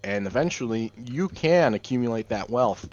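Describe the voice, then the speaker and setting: A young man doing gameplay commentary in a deadpan monotone, rambling through offbeat musings. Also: mid-range voice, normal speed, highs cut off. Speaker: gaming channel host.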